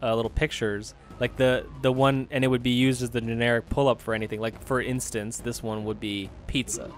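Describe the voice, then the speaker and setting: A man's voice: medium pitch, little pitch movement, a little fast, slight background noise. A young man co-hosting a casual gameplay commentary, rambling and joking with frequent laughs. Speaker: co-host of a gaming channel.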